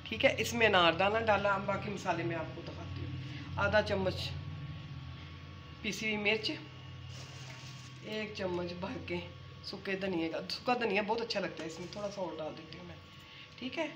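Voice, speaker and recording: Woman, mother demonstrating home cooking, mid-pitched voice, patient step-by-step talk. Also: normal speed, long pauses, background noise. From Punjab. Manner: explains step by step, keeps adding "theek hai" and "haan ji". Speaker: home cook, the host's mother.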